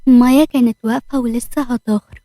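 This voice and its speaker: A woman with an Egyptian accent narrating an audio story in a brisk, expressive way. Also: fairly high pitch, no room sound.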